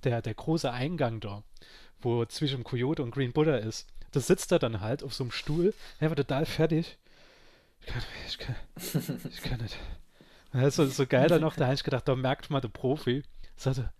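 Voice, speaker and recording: A man's voice: mid-range voice, fairly quick, darkish tone, no echo. A man telling a casual anecdote, with many restarts and acted quotes. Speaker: storyteller.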